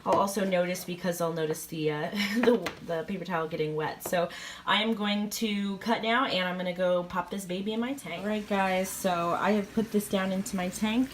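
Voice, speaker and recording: A woman narrating a casual home video about her fish tank in a chatty, excitable way, with giggles and self-corrections. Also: mid-range voice, normal speed, background noise. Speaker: goldfish keeper vlogger.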